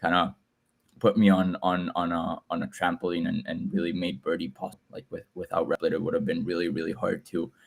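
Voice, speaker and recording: A young man from Guatemala, a guest explaining his app in casual chat, with frequent halting repeats. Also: deep voice, vocal fry. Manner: halting, repeats words as he talks. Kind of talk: casual video call chat. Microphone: video call.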